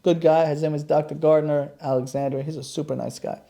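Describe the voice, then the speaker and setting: A man with a slightly raised pitch and a gravelly, fry-laden texture tells his own story in a casual podcast monologue. He stays animated and acts out the quoted dialogue as he goes. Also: brisk. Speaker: chiropractor and podcast host.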